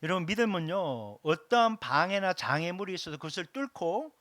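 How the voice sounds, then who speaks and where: A man delivers a Sunday sermon in a high, bright voice that swings widely in pitch. He preaches emphatically and hammers key phrases through repetition. His questions go straight to the congregation, and the sound is close and dry. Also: very animated, brisk, no room sound. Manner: asks the congregation direct questions. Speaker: pastor.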